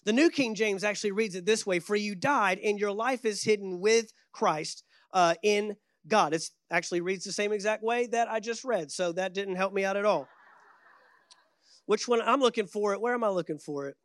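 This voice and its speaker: Preacher, emphatic exhorting sermon, repeated phrases, conversational turns, medium pitch, dry sound. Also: normal speed, no room sound. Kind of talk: sermon to a congregation.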